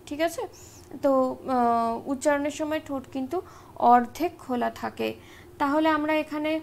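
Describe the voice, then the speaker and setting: A woman teaching an exam-prep grammar lesson, explaining step by step and often checking in with short tag questions. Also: sits high.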